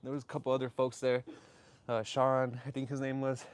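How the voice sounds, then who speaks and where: A man's voice: mid-range voice, monotone, fairly quick. A man chatting casually on a workout livestream in a slangy, upbeat way. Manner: upbeat shout-outs to viewers, slangy. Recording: clearly noisy live stream with clicks.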